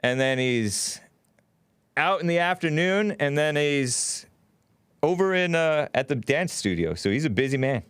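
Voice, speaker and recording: A man's voice: fairly high pitch, animated, measured pace, fairly bright tone, clean tone, dry recording. A man hosting a call-in radio show, talking casually on a close studio microphone. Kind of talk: casual talk radio conversation.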